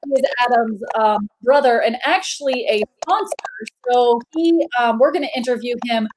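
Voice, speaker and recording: A woman from Indiana hosting a relaxed live chat. Her voice sits high and bright, and she rambles cheerfully with lots of fillers and giggles. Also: moderate pace, slight background noise. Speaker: host. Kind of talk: casual live-stream chat.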